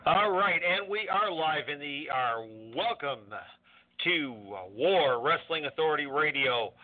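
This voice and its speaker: A man's voice: on the high side, a little slow. A man hosting a casual live radio show, meandering and repeating himself as he talks. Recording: tinny phone-like narrowband audio.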